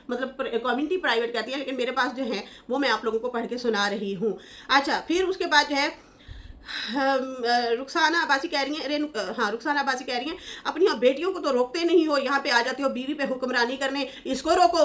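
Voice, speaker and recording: A YouTube commentator with a high, fairly bright voice reads viewer comments aloud in casual commentary. She sounds chatty and scolding, laughing as she mocks them.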